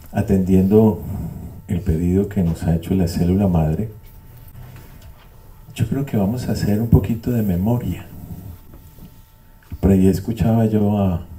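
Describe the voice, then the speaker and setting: A man's voice: deep voice, measured pace, pauses often, warm tone, far from the mic. Older man telling a story from afar. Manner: storytelling, repetitive, digressive with wry humor. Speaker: speaker at a spiritual community gathering. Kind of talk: reflective testimony talk to a group. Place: meeting room with a live audience.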